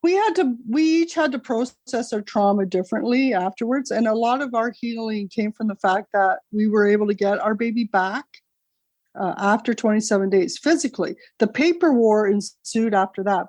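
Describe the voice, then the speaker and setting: A woman's voice: mid-range voice, darkish tone, no room sound. A middle-aged woman, Italian her first language, earnestly and hurriedly telling her story as an interview guest, often restarting her sentences. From Canada. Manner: earnest, rushed retelling with many restarts. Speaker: guest, author. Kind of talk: interview over a call.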